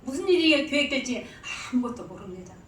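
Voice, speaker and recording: A woman pastor delivers a sermon, asking her congregation questions and then answering them herself. She pushes her key points hard, at times almost shouting. Her voice is a little high and comes from some way off in a reverberant church, with a faint background hum. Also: very animated, a little fast. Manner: rises to emphatic, near-shouting stress. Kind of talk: interactive sermon with congregation call-and-response. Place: church sanctuary. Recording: echoey church sound from a distance, faint room noise.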